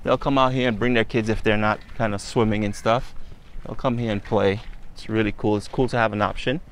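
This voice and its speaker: A man vlogging outdoors as he walks, pointing out sights in a relaxed, conversational way. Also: lowish voice, fairly quick, a little hiss or hum. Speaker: travel vlogger. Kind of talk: casual walking tour narration. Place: outdoors on a hot island street.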